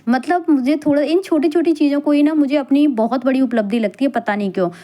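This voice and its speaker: A woman's voice: high voice, fast talker, mellow. A woman in her thirties, a working mother and vlogger, talking casually and earnestly to viewers with many fillers as she gives advice. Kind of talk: casual voice-over chat with viewers.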